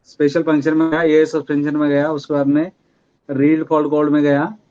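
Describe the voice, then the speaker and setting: Male technician, halting and monotone, muffled dry line. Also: fairly high pitch. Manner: hesitant, explaining step by step. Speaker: technician asking a question.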